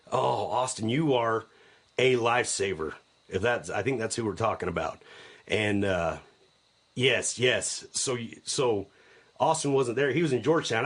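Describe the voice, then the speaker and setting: A middle-aged man hosting a live podcast, speaking at an ordinary middle pitch. He rambles enthusiastically and repeats words as he talks. His tone is casual and friendly, like a host talking to listeners who have tuned in.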